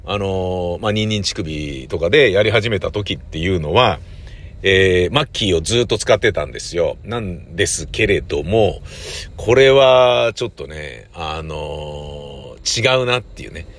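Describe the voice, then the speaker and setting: A deep-voiced, middle-aged man talks at a normal speed, animated and a little bright, in a casual, rambling solo chat. An audio drama producer and recordist, he is blunt, slangy and self-deprecating, acting out his own reactions as he tells his stories.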